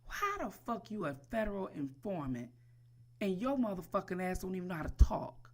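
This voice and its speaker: A woman's voice: medium pitch, big pitch swings, normal speed. A woman delivering a profane, taunting roast on a livestream, crude and mocking, repeating her target's name again and again.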